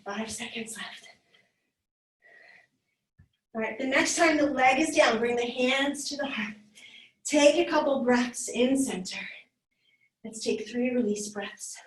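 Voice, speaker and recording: A woman's voice: high-pitched, takes it slowly, long pauses. A woman yoga instructor leading a live class with hand weights, cueing each move in an encouraging, slightly winded voice. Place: yoga studio. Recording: echoey room, voice from far off.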